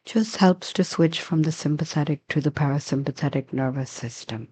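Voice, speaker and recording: A woman with a deep, husky voice leads a guided meditation as a teacher. She offers gentle, unhurried instructions separated by long pauses.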